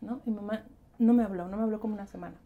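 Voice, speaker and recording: A woman with a Mexican accent, a guest telling a personal story in animated, casual chat. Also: mid-range voice, very fast, phone-quality sound, crowd noise. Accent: Mexican Spanish. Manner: animated storytelling, quotes herself and others.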